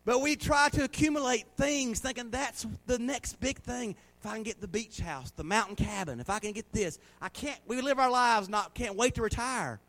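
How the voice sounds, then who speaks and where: High-voiced preacher man. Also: moderate pace, hardly any pauses, fairly bright tone. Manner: folksy, conversational preaching with rhetorical questions. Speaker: pastor. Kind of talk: sermon.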